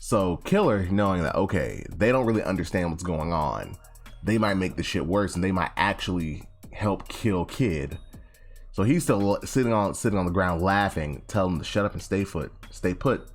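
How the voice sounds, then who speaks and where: Young guy, deep voice, bouncy delivery, slangy recap with lots of self-corrections. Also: expressive, normal speed, soft background music. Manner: rambling, slangy, self-correcting, acts out quotes. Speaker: anime chapter reviewer. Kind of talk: casual recap.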